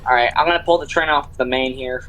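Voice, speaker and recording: A man's voice: medium pitch, fast, bright, forceful tone, low-quality recording. A man with a Southern US accent talking casually while he plays a train game, thinking aloud as he works through each step. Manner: thinking aloud, narrating his own moves. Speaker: streamer running a freight train. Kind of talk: casual gameplay chat.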